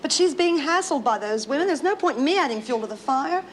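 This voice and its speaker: A woman's voice: high voice, animated, slight background noise. A stubborn woman prisoner. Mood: insistent. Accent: Australian. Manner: insistent, quick. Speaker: prison inmate. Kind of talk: 1970s TV drama acting.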